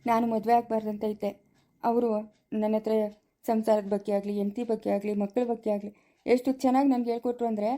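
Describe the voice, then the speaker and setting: A woman's voice: a little high, mellow, natural voice. A woman playing a kind, patient village man of forty-five who soothes and reasons with others in a family drama. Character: kind 45-year-old village man, calm peacemaker.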